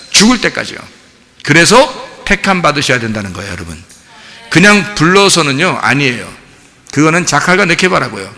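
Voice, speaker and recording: A male pastor preaches in a church sanctuary, his voice gravelly and sharply forceful, a little higher than most men. The sound rings with the long reverb of a large hall. He talks to the congregation in an animated, conversational way and acts out short scenes. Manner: animated preaching, acting out a parent and child with laughs. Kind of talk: sermon.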